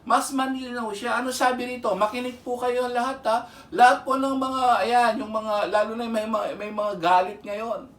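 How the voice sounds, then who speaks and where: A man's voice: very high-pitched, fairly even intonation, normal speed, fairly bright tone. A man preaching earnestly, urging his listeners again and again to listen closely as he teaches from the Bible. His voice sounds distant from the mic and echoes through a roomy space. He slips English phrases in between his Filipino. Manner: earnest, pleading, repeats "pakinggan nyo". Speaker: lay minister and preacher. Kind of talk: preaching a Bible lesson to camera.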